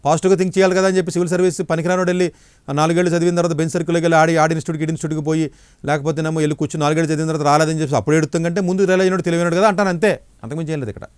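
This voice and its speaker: A middle-aged man, an education counselor, giving blunt, forceful answers in an interview. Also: fairly high pitch, flat delivery, very fast, smooth, no room sound, clean studio sound.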